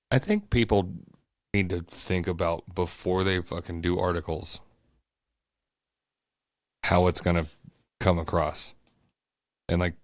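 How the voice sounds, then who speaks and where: A low-pitched man chatting loosely on a home podcast, blunt and crude, with plenty of swearing. The sound is dry and close, with no room echo. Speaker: podcast co-host. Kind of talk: casual chat. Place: home room above a bathroom.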